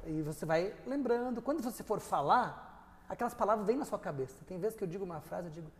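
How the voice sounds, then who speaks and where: A man, an English teacher and author, answering interview questions in a lively, storytelling way. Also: sits high, quick pace, in a large hall. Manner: lively storyteller who sings snippets and laughs. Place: TV studio.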